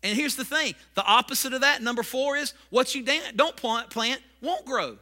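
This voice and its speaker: Pastor guy preaching, pretty high voice, repeats himself and builds up loud. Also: normal speed. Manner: repetitive, emphatic, building to loud emphasis. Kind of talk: sermon.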